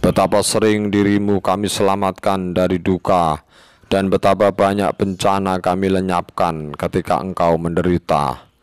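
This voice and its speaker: A man voicing a stern, unseen voice from above that reproaches a sinner in a solemn, gravelly tone. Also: low-pitched, little pitch movement, moderate pace, no echo, natural voice. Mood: reproachful.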